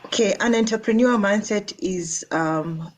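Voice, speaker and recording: A woman from Kenya speaking as a guest on a live online panel, measured and deliberate. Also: mid-range voice.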